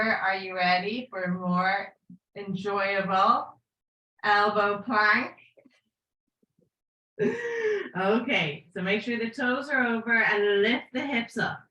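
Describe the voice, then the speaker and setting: A woman leading a live yoga class with playful, encouraging cues and breath counts, her voice going hoarse. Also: mid-range voice, bright, forceful tone. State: losing her voice. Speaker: yoga teacher. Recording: echoey room.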